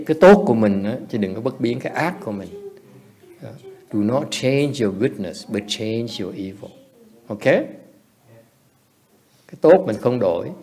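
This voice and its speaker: A man's voice: medium pitch, darkish tone. A man giving a retreat dharma lecture in a temple hall, switching between English and Vietnamese and chuckling often. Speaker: meditation teacher.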